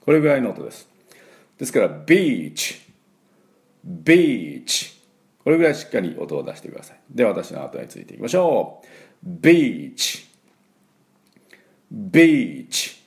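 A Japanese-speaking man teaching English pronunciation, repeating each sound slowly for learners and filling pauses with "um" and "well". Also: lowish voice, wildly swooping pitch, gravelly, a little mellow. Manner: frequent fillers "えー" and "まあ". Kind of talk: pronunciation lesson.

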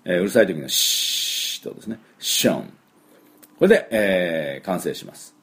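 An English teacher, a middle-aged man, runs a chatty pronunciation lesson in a low, gravelly, animated voice. He stretches out his fillers and repeats model words so the listener can copy them.

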